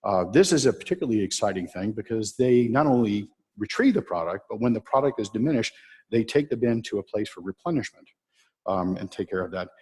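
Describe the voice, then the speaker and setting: Showing an audience a series of video clips, a man explains automation in a public talk with steady delivery and frequent "uh"s. He talks a little fast in a fairly low, slightly rough voice, and the hall around him echoes.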